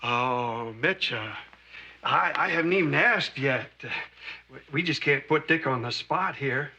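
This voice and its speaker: A man's voice: medium pitch, sharp tone, husky, heavily acted. An actor playing a genial, simple-hearted handyman uncle in a 1980s sitcom, folksy and earnest. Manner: folksy, earnest, slow-spoken. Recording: noisy old TV sitcom audio.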